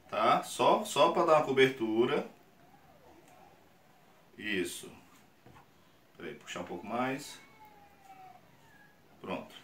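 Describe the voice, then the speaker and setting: Speaking with a sharp, mid-range voice and a Brazilian Portuguese accent, a man in his 30s shows how to print shirts in a small indoor workshop, coaxing viewers along step by step and often adding "tá?". He hosts a screen printing channel, and this is a casual how-to. The tripod camera sits a few meters away, so the audio is echoey and distant with faint noise.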